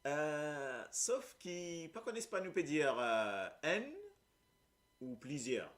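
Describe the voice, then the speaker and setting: A man's voice: a little high, big pitch swings, extremely slow, fairly bright tone. A man with a Mauritian accent teaching a Creole lesson, explaining patiently and often checking that his listeners follow. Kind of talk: live language lesson.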